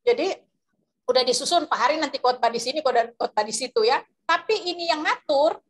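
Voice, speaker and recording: A woman's voice: high-pitched, expressive, brisk. A woman preacher tells a story over a video call, rambling with many fillers and restarts. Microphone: video call microphone.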